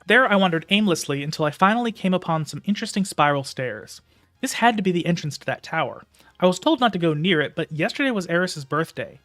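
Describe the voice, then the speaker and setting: A man's voice: high-pitched, animated, quick pace, a bit bright, faint music behind. A man streaming live, reading a novel aloud and commenting casually in a rambling way with filler words.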